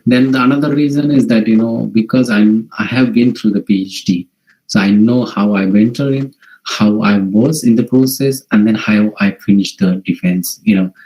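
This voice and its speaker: A man from India, a native Marathi speaker with a Marathi accent, gives an informal online presentation in a halting way, often repeating and rephrasing. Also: on the low side, warm tone, low-quality recording. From Maharashtra, India. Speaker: workshop presenter. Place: video call.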